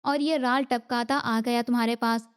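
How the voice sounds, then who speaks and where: A woman's voice: a little high, fairly even intonation, clean tone, lightly acted. A woman reading the part of a jealous, furious young pregnant wife who hurls scornful insults, in an audiobook. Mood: scornful rage.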